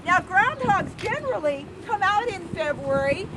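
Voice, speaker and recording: A woman hosting an outdoor ceremony, giving an informal, halting, explanatory welcome speech to a public gathering. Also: extremely high pitch, big pitch swings. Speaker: ceremony host, groundhog handler. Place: outdoor town square. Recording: loud outdoor wind and street noise.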